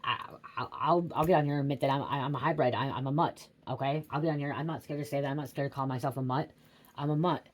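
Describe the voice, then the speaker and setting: A middle-aged woman with a very deep voice talks fast while giving a rambling, casual psychic tarot reading on a livestream. She drifts off track, swears freely, and keeps asking "okay?"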